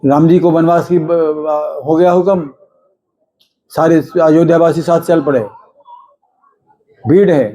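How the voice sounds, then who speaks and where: A man's voice: fairly high pitch, fairly even intonation, slow, pauses often, dark tone. A man giving a devotional discourse, asking his listeners rhetorical questions and chanting scripture verses now and then. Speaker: religious storyteller.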